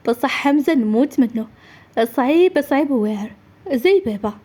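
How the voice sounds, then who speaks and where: A young woman narrating her own story in a lively, conversational way. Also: high voice, fairly quick, slight background noise. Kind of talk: first-person story narration.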